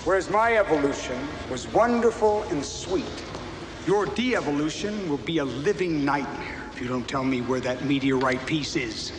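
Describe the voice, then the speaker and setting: An actor playing a gloating, menacing reptile tyrant king in a film, with theatrical, drawn-out threats. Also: fairly high pitch, close to an everyday voice. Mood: gloating, threatening. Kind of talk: villain dialogue in a feature film. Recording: echoey film clip, noisy background.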